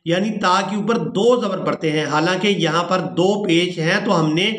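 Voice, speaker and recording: A man teaching tajweed, spelling out letters and vowel marks, then chanting each verse slowly and melodically. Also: sits high, fairly bright tone. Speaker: Quran recitation teacher. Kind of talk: tajweed lesson with chanted recitation. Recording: echoey room.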